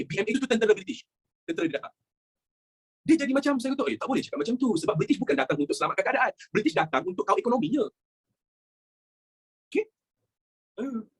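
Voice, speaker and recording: Animated husky Malaysian male teacher. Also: sits high, very fast, pauses often. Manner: animated, mixes English phrases, acts out quotes. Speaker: history teacher. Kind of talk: classroom history lesson.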